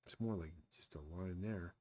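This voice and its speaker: Lowish-voiced man musing while he draws. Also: normal speed, warm tone. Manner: thinking aloud while sketching, musing. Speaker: artist streaming his drawing. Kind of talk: casual live drawing commentary.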